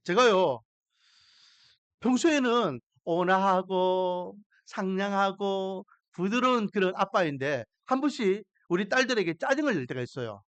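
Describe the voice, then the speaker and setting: Male pastor, high and very animated delivery, rhetorical questions, dry close sound. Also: a little slow, clean tone, no room sound. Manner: preaching with rhetorical questions and dramatic emphasis. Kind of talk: Sunday morning sermon.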